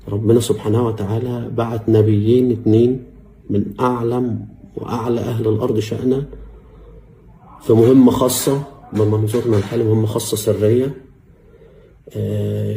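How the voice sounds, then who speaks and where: A man with an Egyptian Arabic accent giving a personal video statement as a former security officer, earnest and halting, with frequent hesitations and a grave religious tone. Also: lowish voice, vocal fry, mellow, a little hiss or hum.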